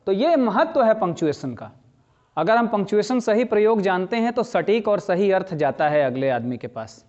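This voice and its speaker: A middle-aged man teaching a language lesson, explaining slowly, repeating key phrases and asking his students questions. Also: high voice, big pitch swings, darkish tone. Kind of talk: classroom lecture. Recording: slightly dull lo-fi sound.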